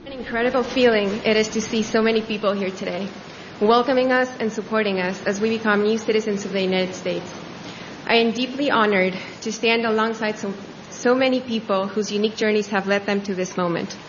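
Woman from Ecuador, measured ceremony speech, muffled sound, faint ambience. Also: medium pitch, steady tone, noisy background. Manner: earnest, measured phrasing. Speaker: new citizen giving a speech. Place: large tent at an outdoor ceremony. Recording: dull audio with faint ambience.

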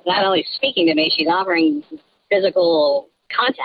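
A man's voice: extremely high pitch, big pitch swings, a little fast, gravelly. A man calling in to a radio show, telling an embarrassing story sheepishly while a voice changer disguises his voice over the phone. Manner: sheepish, self-conscious storytelling. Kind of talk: anonymous phone-in confession, casual storytelling. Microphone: telephone. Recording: lo-fi phone line.

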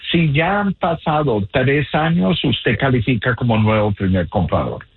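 A man's voice: mid-range voice, expressive, unhurried, husky. A man from Colombia, a real estate agent, explaining earnestly on a radio call-in show with many fillers. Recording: tinny phone line.

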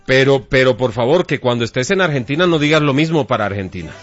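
A man's voice: medium pitch, animated, quick pace, no room sound. A man from Colombia hosting an interview, asking questions in a friendly, playful way. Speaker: radio host. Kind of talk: casual interview talk. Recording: dull lo-fi with faint music.

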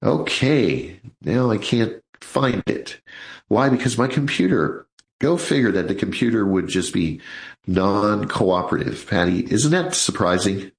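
A man's voice: fairly low pitch, lively intonation, measured pace, creaky, echoey room, poor audio. Chatty man in his sixties hosting radio. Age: 60s. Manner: chatty, folksy, addresses listeners as folks. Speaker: radio show host. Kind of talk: live financial radio talk.

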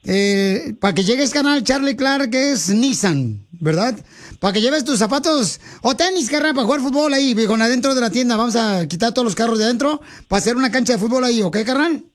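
A man's voice: very high-pitched, expressive, fairly quick. A man hosting a radio show, teasing a caller with rowdy, slang-heavy banter from the studio.

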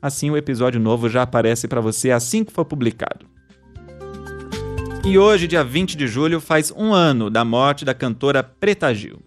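A man's voice: medium pitch, animated, moderate pace, faint music behind. A man hosting a news podcast, reading stories and listener messages in a scripted style. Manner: reads listener messages aloud.

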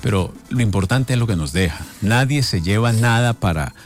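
Low-voiced radio host. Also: male voice, lively intonation, moderate pace. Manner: chatty, tells anecdotes, laughs easily. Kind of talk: casual radio chat.

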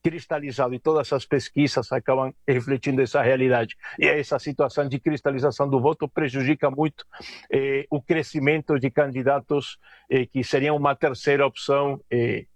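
A man from Argentina giving measured, analytical political commentary as an interview guest, often hesitating, speaking from home over a video call. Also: medium pitch, flat delivery, dry recording, highs cut off.

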